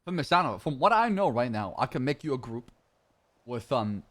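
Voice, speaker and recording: A man's voice: mid-range voice, big pitch swings, a little fast, fairly bright tone. Man, roleplay player; casual, reassuring explainer. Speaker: roleplay city liaison. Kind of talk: in-character roleplay chat.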